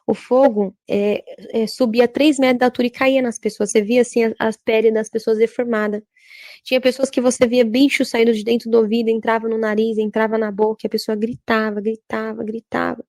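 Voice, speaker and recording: A woman, a church worker giving a religious testimony in a halting, repetitive way. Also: on the high side, level tone, a little mellow, no room sound. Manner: halting, repetitive, frequent filler tags.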